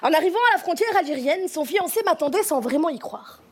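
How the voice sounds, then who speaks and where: High-voiced sarcastic woman comedian. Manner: brisk, sarcastic, deadpan asides. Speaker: stand-up comedian. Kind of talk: stand-up comedy set. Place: stage with a live audience. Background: faint audience.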